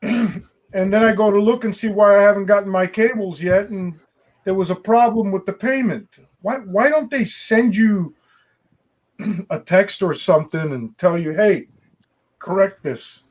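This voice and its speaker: A man in his sixties hosting a casual stream chat, chatty and quick to laugh, grumbling about clients who pay late. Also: sits high. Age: 60s.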